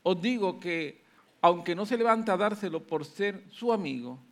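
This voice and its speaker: Male preacher, really high voice, emphatic, keeps saying hallelujah. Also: moderate pace. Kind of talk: sermon.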